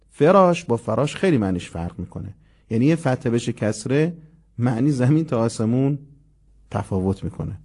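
Guy teaching a quran memorization lesson, middle-pitched, slow demo recitations in between. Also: darkish tone. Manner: explanatory, demonstrates verses slowly.

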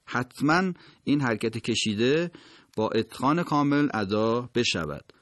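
A man teaching recitation. He explains pronunciation rules, then slowly and carefully sounds out each word as an example. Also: medium pitch, lively intonation, fairly bright tone.

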